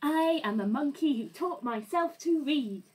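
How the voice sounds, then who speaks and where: Woman playing a silly, high-voiced robot monkey. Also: animated, a little slow, darkish tone. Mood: silly, proud. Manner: theatrical, exaggerated, playful. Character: silly boastful robot monkey who sings nonsense.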